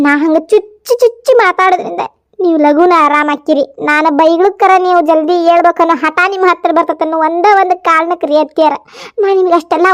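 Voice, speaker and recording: A high, earnest young daughter-in-law from a village cartoon, voiced by a woman, speaking with a North Karnataka Kannada accent. She pleads and explains herself at length, in a bright, high-pitched voice. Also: dry recording. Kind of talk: cartoon voice acting.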